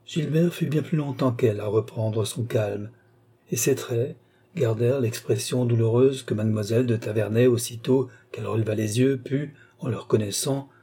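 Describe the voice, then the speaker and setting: Husky, mellow man reading a novel. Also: mid-range voice. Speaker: audiobook narrator.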